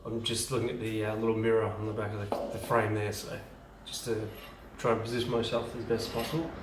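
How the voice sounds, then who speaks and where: A man's voice: lowish voice, flat delivery, quick pace, background noise. A man, a home brewer, chatting casually through a how-to video, rambling with lots of ums and restarts. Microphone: camera from a distance. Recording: roomy and distant camera mic.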